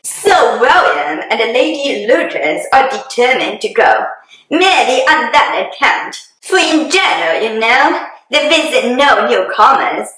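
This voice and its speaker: A woman playing a fussy, excitable, self-pitying middle-aged wife and mother in a hammy, theatrical dramatic reading. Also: on the high side, a little slow. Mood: insistent, fussy. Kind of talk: dramatic reading of a classic novel. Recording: very echoey room.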